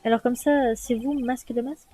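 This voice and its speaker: A woman's voice: a little high, steady tone, brisk, warm tone, faint music behind, natural voice. A woman voicing an exasperated young male defense lawyer who questions bluntly and impatiently.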